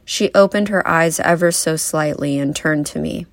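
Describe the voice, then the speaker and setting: A young woman giving a eulogy for her grandmother, telling stories with wry, gentle humor. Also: sits low, normal speed, dry recording. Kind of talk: eulogy speech.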